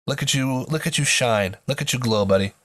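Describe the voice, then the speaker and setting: A man's voice: medium pitch, a little fast, a bit bright, dry recording. A man hosting a sports podcast in casual commentary, his voice nasal from a blocked nose, as if pinching it, with joking asides.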